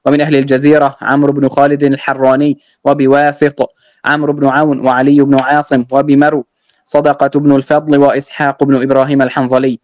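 A man reading a classical religious text aloud in a lesson, slow and measured, chanting the verses he quotes. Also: medium pitch, completely flat delivery, darkish tone, dry recording, lo-fi sound.

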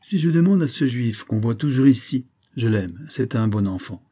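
A man voicing an impatient, agitated young gentleman who fires off sharp, demanding questions. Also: mid-range voice, lively intonation, moderate pace, lightly acted. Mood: indignant.

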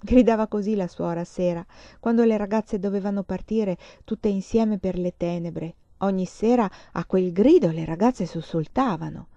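A woman reading a literary novel aloud in a measured, expressive way, letting sad phrases sink softly. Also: mid-range voice, dry recording, dull audio. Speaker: audiobook reader. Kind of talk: literary audiobook narration.

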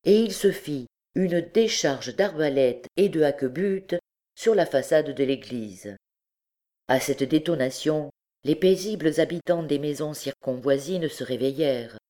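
A woman reading a classic novel aloud, in steady, measured narration. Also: sits low. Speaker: audiobook reader.

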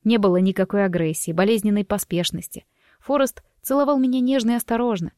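A woman's voice: mid-range voice, fast, a little mellow, dry recording, clean studio sound. A woman narrating an audiobook in the first person, reading expressively and livening up her own quoted dialogue.

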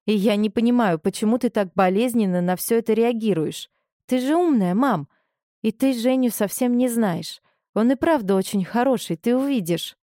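A woman's voice: fairly high pitch, normal speed, mellow, no echo, studio quality, close to an everyday voice. A woman playing an earnest defiant daughter. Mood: earnest firm. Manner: earnest, firm, pleading. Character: grown daughter, young woman, newly defiant.

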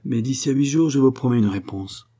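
A man's voice: mid-range voice, fairly quick, mellow, slightly rough, voice pushed up, close to an everyday voice. A man reading the lines of a cautious old theatre director, reserved and noncommittal. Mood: guarded.

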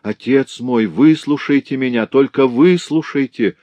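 A man's voice: medium pitch, normal speed, darkish tone, no room sound, pitched above the performer's own voice, lightly acted. A man voicing a desperate young woman. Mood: desperate pleading. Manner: sobbing, imploring outcries. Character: young woman pleading desperately with her father. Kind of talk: audiobook character voice.

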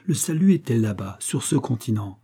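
A man reading a classic adventure novel aloud as an audiobook narrator, dramatic, raising his voice for the shouted lines. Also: medium pitch, sing-song, normal speed, breathy edge.

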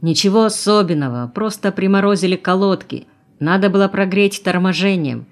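A woman's voice: low voice, a little slow, darkish tone. Audiobook driver: plainspoken, grumbling working man, voiced by a woman. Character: male truck driver, joking, grateful.

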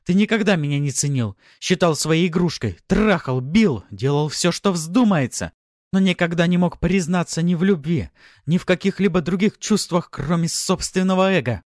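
A man reading an audiobook, voicing a furious young wife who shouts back at her abusive husband. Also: on the low side, animated, fairly quick, hardly any pauses, dry recording, studio quality, pitched above the performer's own voice, natural voice. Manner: shouting, defiant.

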